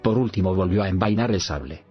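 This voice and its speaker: Male audiobook narrator, very low voice, steady reading, slightly dull recording with faint background music. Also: quick pace, breathy edge. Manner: steady, even reading that speaks punctuation aloud.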